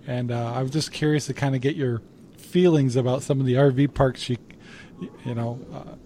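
A man with an ordinary mid-range voice hosts a casual interview. He asks his questions in halting bursts, often restarting partway through. A faint noise runs under the recording. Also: mid-range voice, steady tone, dark tone. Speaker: host.

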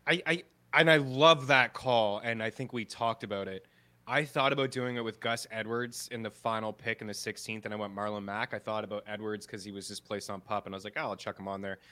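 A Canadian man with a bright, forceful voice talks in a relaxed, chatty way as a podcast co-host. He thinks out loud and often restarts his sentences. The sound is dry and close. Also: lowish voice, brisk, dry recording. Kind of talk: casual chat.

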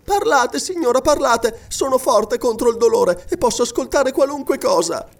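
A man's voice: extremely high pitch, lively intonation, normal speed, creaky, pitched above the performer's own voice, heavily acted. A man voicing an anxious young girl who pleads tearfully for news of her father, in an audiobook. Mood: pleading. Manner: tearful, imploring. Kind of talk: audiobook reading.

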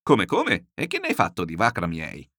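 A blustering, shouting landowner voiced by a man rambles through his boasts. His voice leaps and swings widely. It is a storybook reading in a dry, close recording. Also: deep voice, huge pitch swings, normal speed, no echo, full character voice. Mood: boisterous.

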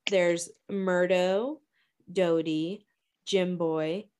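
A woman co-hosting a casual book discussion, blunt and swearing freely with quick asides. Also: on the low side, fairly even intonation, a little mellow, clean tone. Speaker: book podcast co-host.

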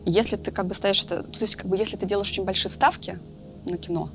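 Fast-talking gravelly woman in her thirties. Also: medium pitch, steady tone, a bit bright, soft background music. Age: 30s. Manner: candid, thinks aloud with many fillers. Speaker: guest, film director. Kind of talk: casual podcast conversation.

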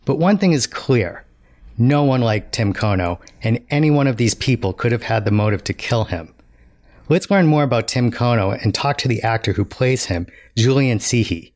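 A man's voice: mid-range voice, animated, moderate pace, a little mellow, dry recording. A man hosting a podcast with scripted narration, recorded dry and close. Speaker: podcast host.

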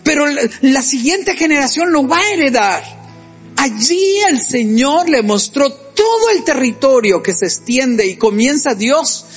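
High-pitched preaching man. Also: animated, unhurried, soft background music. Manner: preaching with rising and falling emphasis. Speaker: pastor. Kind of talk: sermon.

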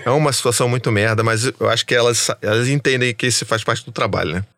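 A man with a Brazilian Portuguese accent telling a lively story in a casual podcast chat, swearing freely and acting out what people said. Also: mid-range voice, fast talker, dry recording, clean studio sound. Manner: animated, swears freely, acts out quotes.

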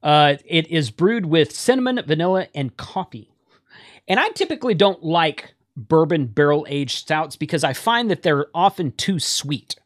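Man chatting, slightly high, dry sound. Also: animated, moderate pace, dry recording. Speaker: livestream host. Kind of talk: casual chat.

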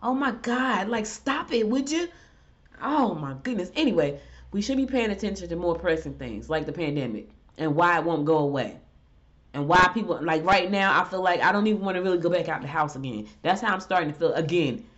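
Brisk, with lively intonation, a middle-aged woman runs her own casual talk show despite a head cold, chatting loosely and ranting with exasperated upward swings in pitch. The audio is lo-fi and dull.

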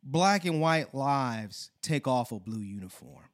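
A man's voice: medium pitch, animated, slow pace. A man co-hosting a discussion, emphatic and wry, speeding up when he drives a point home. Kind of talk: conversational discussion.

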